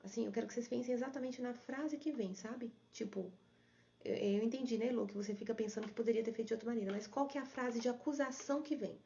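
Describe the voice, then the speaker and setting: A woman's voice: on the high side, fast talker, creaky, warm tone, lo-fi sound. A woman therapist hosting a live stream, explaining things and answering viewer comments.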